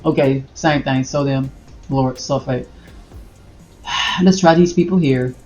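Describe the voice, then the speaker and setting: A middle-aged woman, chatting casually to her viewers as she browses and reacts out loud. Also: very deep voice, slow. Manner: animated, exclaims and talks to viewers as y'all. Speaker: vlogger. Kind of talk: casual vlog commentary while browsing online. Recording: echoey room with faint music.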